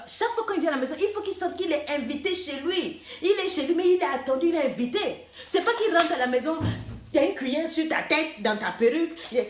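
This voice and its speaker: A woman coach with a high voice gives playful, teasing relationship advice, dropping English phrases now and then. Her voice rings in an echoey room. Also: slight background noise. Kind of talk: lively advice talk.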